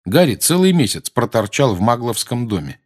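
A man reading aloud and voicing a grown wizard who speaks calmly and coldly but also with defiance. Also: medium pitch, normal speed, pitched above the performer's own voice. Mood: cool. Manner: calm, cold, and sometimes irritated. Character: cool, defiant grown wizard, godfather type.

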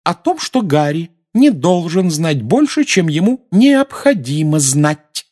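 A man voicing a stern, protective mother witch, high and sharp. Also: wildly swooping pitch, fairly quick. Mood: scolding. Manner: scolding, insistent, rising to shouts.

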